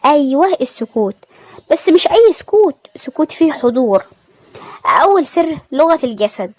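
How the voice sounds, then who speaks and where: A woman with an Egyptian Arabic accent giving scripted self-help narration in calm, measured short phrases. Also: high-pitched, dry recording.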